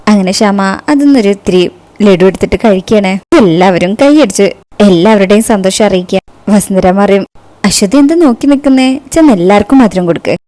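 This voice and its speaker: A woman's voice: mid-range voice, mellow. A woman casually retelling a TV serial episode scene by scene, quoting each character's lines in turn. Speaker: TV serial recap narrator.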